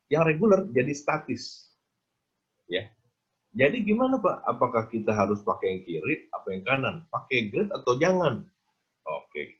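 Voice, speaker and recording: A man's voice: medium pitch, muffled recording. A man giving an interactive design lecture on a video call, quizzing his audience with casual tag questions.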